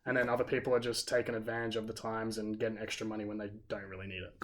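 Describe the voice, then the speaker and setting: A man's voice: on the low side, level tone, racing. An Australian man in a casual podcast chat, giving firm opinions and leaning on "like" as he talks. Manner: opinionated and emphatic, leans on "like".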